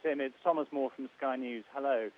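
A man's voice: mid-range voice, brisk. Newsman on phone-like radio link. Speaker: television news journalist. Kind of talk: posing a press question.

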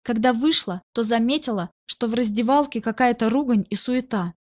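A woman with a fairly high voice reads a first-person story aloud. Her storytelling is tense and even, and she acts out the dialogue between the narration. The delivery is clear and steady. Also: normal speed. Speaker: audiobook narrator.

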